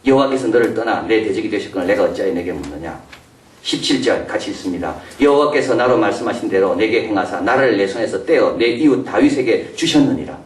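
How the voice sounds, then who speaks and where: Animated Korean pastor in an echoey sanctuary. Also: male voice, lowish voice, quick pace. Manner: animated, acts out voices of biblical figures and parents. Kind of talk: sermon. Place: church sanctuary. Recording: roomy echo, mic from a distance.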